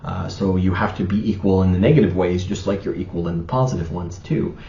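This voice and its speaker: A man's voice: brisk, warm tone. A young man hosting an opinion monologue, rambling with many fillers and restarts as he argues his case. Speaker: channel host. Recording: roomy, slightly dull recording with faint rumble.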